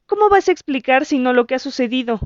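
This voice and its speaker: A woman's voice: medium pitch, fairly quick, no echo, lo-fi sound, lightly acted. A woman voicing a frightened young girl who pleads anxiously with her brother. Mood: alarmed. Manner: pleading, tearful. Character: young girl, frightened worried older sister.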